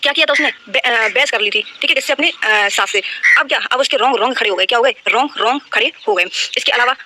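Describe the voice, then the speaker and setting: Fast, bright-voiced woman teaching exam tricks. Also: fairly high pitch, a little hiss or hum. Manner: asks a question then answers it herself. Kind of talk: exam-prep lesson with memory tricks.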